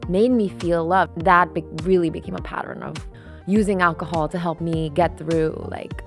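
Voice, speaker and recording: A French woman in her thirties speaks at normal speed in a steady, lowish voice, with faint music behind her. As a podcast guest in a candid interview conversation, she talks openly and reflectively, using frequent fillers.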